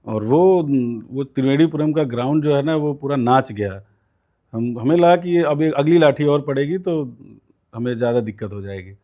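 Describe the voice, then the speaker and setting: A man's voice: medium pitch, animated, normal speed, mellow. A man, a guest in an interview, telling a long story in a conversational way, with frequent fillers and quoted voices. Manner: recounts events at length with many fillers and quoted voices. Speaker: student politician guest.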